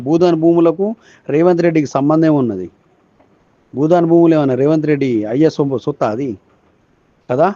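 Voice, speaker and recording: A man with a Telangana Telugu accent leaving a voice message on his phone, ranting and scolding. His voice sits fairly high but sounds mellow and dark. The recording is a dry, dull, lo-fi phone voice note. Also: no echo. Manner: scolding, indignant, rhetorical questions. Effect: recorded voice message sent over a messaging app. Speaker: angry voter addressing the chief minister. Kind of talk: unscripted rant.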